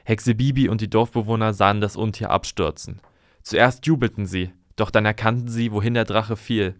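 A man calmly reading a fairy tale aloud in an even storytelling manner. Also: on the low side, normal speed, no room sound, clean studio sound.

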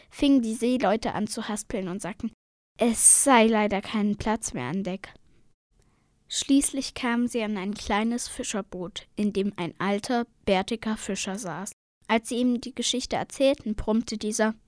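A woman reading a storybook aloud in a steady, expressive way. Her voice sits a little high for a woman, and the recording is close and dry. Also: no echo. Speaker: narrator.

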